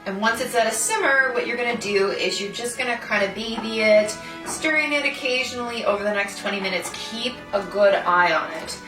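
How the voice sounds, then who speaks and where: A woman with a slightly high, fairly quick voice hosts a cooking demonstration, giving step-by-step instructions for the recipe as a food designer and cooking host. Background music, a far-off microphone and a roomy echo color the recording.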